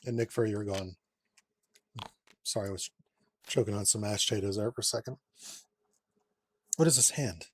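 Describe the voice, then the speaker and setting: Talking himself through a solo card game as a channel host, a man counts cards under his breath and swears freely in this casual tabletop playthrough. His voice sits on the low side with fairly even intonation and a slightly rough edge, moving at normal speed but pausing often.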